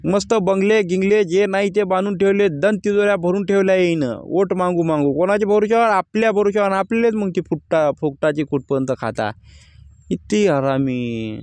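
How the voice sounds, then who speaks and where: A man's voice: high-pitched, fairly quick, few pauses, darkish tone, no room sound. A man, a farmer vlogging casually from his field and speaking bluntly about crop prices. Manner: plain-spoken, rising to angry complaint. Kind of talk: casual vlog talk to camera. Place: outdoors in a farm field.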